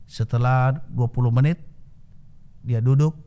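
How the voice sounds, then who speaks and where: A pastor giving a sermon, telling a story and addressing the listeners as brothers and sisters, raising his pitch to act out the characters' quoted lines. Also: fairly even intonation, a little slow, dark tone, smooth.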